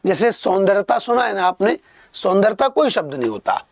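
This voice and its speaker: Gravelly-voiced male teacher. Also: high voice, very animated, brisk, dry recording. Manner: explains patiently, repeats key points, calls students "pyare bachchon". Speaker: Hindi exam-prep teacher. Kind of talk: online exam-prep lesson.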